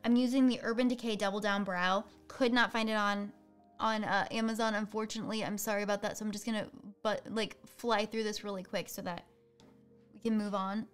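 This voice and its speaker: Woman, makeup tutorial host, chatty, quick, smooth clear tone. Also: medium pitch, flat delivery, faint music behind. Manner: chatty, quick product talk. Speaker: beauty host.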